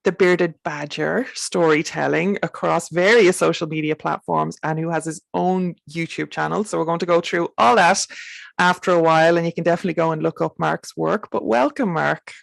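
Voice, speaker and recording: A woman's voice: lowish voice, fairly even intonation, moderate pace, creaky, dry recording. A woman with an Irish accent, hosting a casual interview with informal, tentatively phrased questions. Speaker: interview host.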